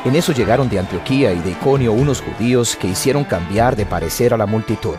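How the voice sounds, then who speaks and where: A man narrates the Bible from a script in a solemn style. His voice is low. Soft music runs underneath. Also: expressive, fast.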